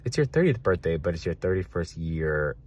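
A man's voice: sits low, big pitch swings, fairly quick. A man giving a sincere, rambling birthday video message. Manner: warm, sincere, rambling asides.

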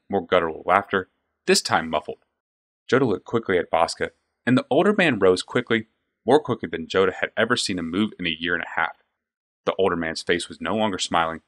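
Lively, low-voiced male narrator. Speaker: audiobook narrator. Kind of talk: fantasy audiobook narration.

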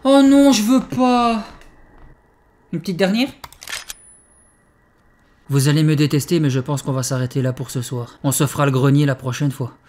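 Jumpy, swearing French game host. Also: male voice, mid-range voice, fairly quick, pauses often. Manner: excitable, swears a lot, yelps in fright then mutters. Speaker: gaming channel host. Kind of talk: horror game let's play commentary.

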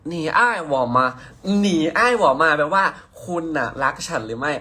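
A man's voice: fairly high pitch, big pitch swings, moderate pace, sharp tone. A young man from hosts a casual phone live stream. He reads out viewer comments in a playful, teasing way and swears casually. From Nakhon Si Thammarat, southern Thailand.

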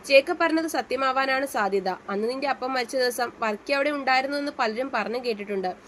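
A woman voicing a gentle, wise elderly grandmother who consoles her family in a read-aloud story. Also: high voice, brisk, a little hiss or hum. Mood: consoling.

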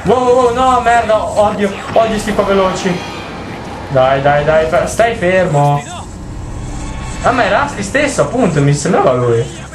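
A man giving casual let's play commentary, excitable and swearing constantly as he yelps at the game. His voice sits fairly high. The recording is roomy, with a faint hiss underneath. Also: measured pace, long pauses. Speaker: gameplay commentator.

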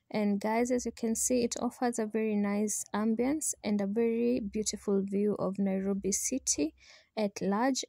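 A woman's voice: mid-range voice, gravelly, warm tone, dry recording, clean studio sound. A young adult woman with a Kenyan accent, chatting to viewers in a casual voice-over for a travel vlog. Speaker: vlogger.

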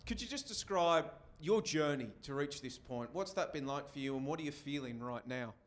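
A man's voice: fairly high pitch, animated, normal speed. A man asking a sports journalist's questions at a press conference in a hesitant way full of fillers, in an indoor press room.

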